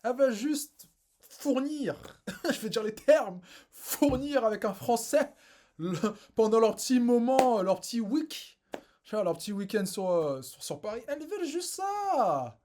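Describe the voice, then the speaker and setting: A man coaching casually, emphatic, with big swings of pitch and repeated phrases. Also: big pitch swings, measured pace, darkish tone, a little hiss or hum. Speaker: dating coach. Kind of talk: casual street coaching advice.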